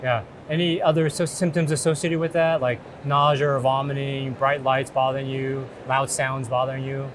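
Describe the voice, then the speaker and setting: In an open booth at a noisy trade show hall, a middle-aged man plays a doctor in a mock patient consultation. His medium-pitched voice is level, at normal speed with few pauses, as he explains things reassuringly and conversationally.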